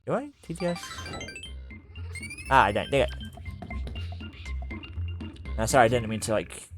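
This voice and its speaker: A male streamer chatting casually on a livestream while working on 3D art, speaking haltingly with many fillers and half-finished sentences. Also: medium pitch, wildly swooping pitch, over music.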